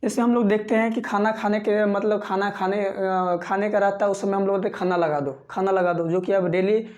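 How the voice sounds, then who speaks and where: A man teaching an online spoken English lesson, repeating each phrase slowly and often calling the viewers his friends. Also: high-pitched, level tone. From Bihar, India. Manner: repetitive drilling, repeats phrases slowly for learners; constantly addresses viewers as friends.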